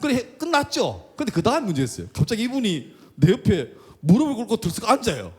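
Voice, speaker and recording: A man's voice: high-pitched, a little fast, husky. A middle-aged man preaching a storytelling sermon as pastor and school chaplain, acting out the voices of the people he quotes. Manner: animated, acts out quoted voices. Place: church sanctuary.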